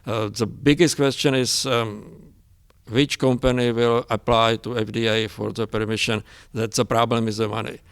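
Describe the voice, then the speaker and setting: A man with a smooth, resonant voice speaking English, halting and full of fillers. The sound is dry and close, with no room echo. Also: medium pitch, little pitch movement. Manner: halting, many fillers, non-native phrasing. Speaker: pathology professor, guest. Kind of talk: interview.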